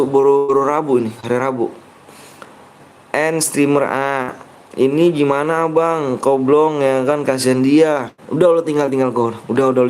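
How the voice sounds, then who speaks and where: A man's voice: a little high, clean tone. A man streaming a mobile game live, chatting in slang and reading out viewers' messages. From Indonesia. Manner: slangy, joking, reads viewers' chat aloud. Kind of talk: casual live-stream chat.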